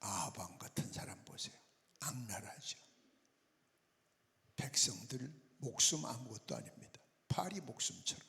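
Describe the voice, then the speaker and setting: A man preaching and praying as a pastor, earnest, often dropping to a soft, near-whispered voice for emphasis. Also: mid-range voice, sing-song, normal speed, vocal fry, pauses often. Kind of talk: sermon and prayer. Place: large prayer-retreat hall. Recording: long reverb of a large hall.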